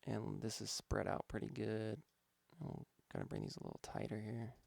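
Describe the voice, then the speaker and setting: A man's voice: on the low side, big pitch swings, moderate pace, creaky, a little mellow, dry recording. A man, a music producer, casually walking through his vocal mixing steps, thinking aloud with some fillers. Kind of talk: casual instructional walkthrough.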